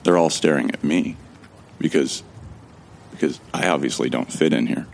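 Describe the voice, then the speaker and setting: Observant and urgent, an amnesiac man tells an audio drama story in the first person at a normal speed. His voice is extremely deep and gravelly with crackling fry, while his manner stays friendly, wry and conversational.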